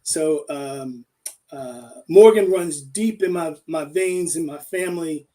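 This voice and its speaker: Brief: fifties man, high voice, halting reminiscer, sits back from the mic. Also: dark tone, recorded from a distance. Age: 50s. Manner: reminiscing, halting with many fillers. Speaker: guest, former coach.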